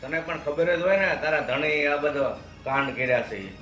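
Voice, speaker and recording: A stern, suspicious father who bluntly scolds his daughter. His voice is sharp and forceful, set slightly high. Faint film music plays underneath. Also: moderate pace. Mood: scolding. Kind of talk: family film drama.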